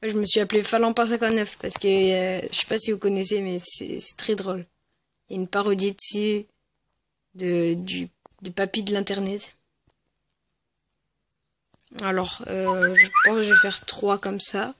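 A man's voice: high-pitched, steady tone, sharp tone, a little hiss or hum. Hesitant male gamer narrating his play. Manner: hesitant, halting with fillers and restarts. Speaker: gaming video host. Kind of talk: casual gameplay commentary.

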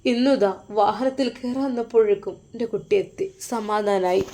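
Brief: soft-spoken emotional elderly mother with a Malappuram Malayalam accent, put on by a woman storyteller. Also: moderate pace, a little hiss or hum, lightly acted. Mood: tearful. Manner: soft, lowered and tender.

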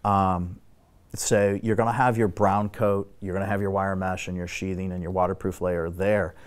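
A middle-aged man, a guest expert on building exteriors, explaining repairs in a steady, technical, instructive way on a studio talk show set. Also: low-pitched, moderate pace.

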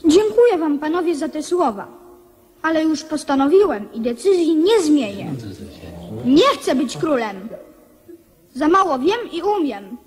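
High-voiced earnest boy King Maciuś. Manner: solemn, declarative. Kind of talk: radio drama acting.

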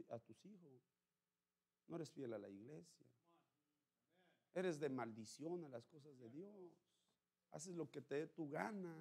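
A male pastor preaching a sermon with fervor. He moves between quiet asides and loud outbursts and jokes bluntly with his congregation. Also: on the high side, gravelly, slightly rough. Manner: fervent preaching, swinging from quiet to shouting.

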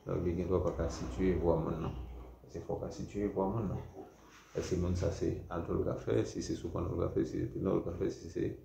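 A man's voice: sits low, little pitch movement, brisk, gravelly, dark tone. A man with a Haitian accent giving a music lesson, repeating his points and checking in with "ok?". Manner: repetitive, checks in with "ok?". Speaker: music teacher. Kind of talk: classroom lesson. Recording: roomy, dull lo-fi recording with faint noise.

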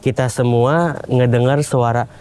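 A young guest on a casual talk show tells a story in relaxed Jakarta slang, animatedly acting out the voices of the people in it. His medium-pitched voice is unhurried, clear and resonant.

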